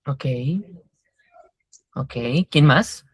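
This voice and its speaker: A woman's voice: very slow, dry recording, studio quality. A woman teaching a Bible study class, putting questions to the group and explaining words step by step.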